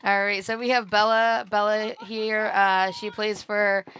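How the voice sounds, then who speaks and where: A woman's voice: mid-range voice, level tone, a little slow, a bit bright, slight background noise. A woman doing live paintball commentary from a small booth beside the field, chatty, laughing often and repeating words as she talks.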